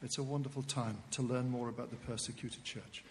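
A man's voice: mid-range voice, steady tone, fairly quick. A man making an informal announcement to a church congregation, polite and a little hesitant. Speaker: church member giving a notice. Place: church hall or sanctuary. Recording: reverberant hall with faint background noise.

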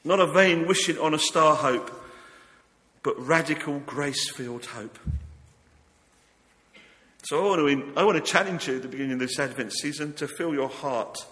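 A man preaching a sermon at a pulpit microphone in a church. He talks earnestly and drops to a hush on key words. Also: on the high side, normal speed. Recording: long church hall reverb.

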